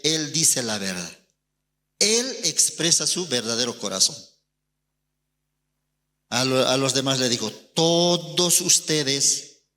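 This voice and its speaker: A man with a Bolivian Spanish accent preaching a sermon as pastor, telling a story with dramatic, drawn-out emphasis. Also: a little high, pushed and bright, long reverb tail.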